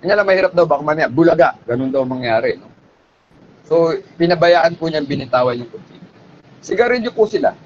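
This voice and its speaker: A man's voice: fairly high pitch, animated, fairly quick. A man telling a story in a polite, conversational way, often checking in with his listeners. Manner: polite, with frequent tag questions. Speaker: speaker retelling a police hostage story. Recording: muffled lo-fi with faint background noise.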